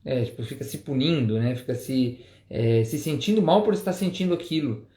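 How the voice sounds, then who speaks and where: Fast-talking man with roomy echo. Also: mid-range voice, lively intonation, mellow. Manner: explanatory, many "né?" tags. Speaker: parenting show co-host, father. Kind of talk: casual couple conversation.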